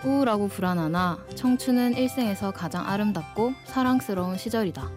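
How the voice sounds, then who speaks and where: With music playing behind her, a young woman of twenty speaks a little fast in a medium pitch, her Ulsan Gyeongsang Korean accent clear. She's a design student sitting in as a late-night radio DJ, sharing open, thoughtful reflections about herself.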